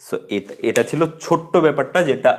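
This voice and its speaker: A man teaching an English grammar lesson in a relaxed, informal way, with a Bengali accent, patiently repeating example words and often checking in with "okay". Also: medium pitch, fast talker.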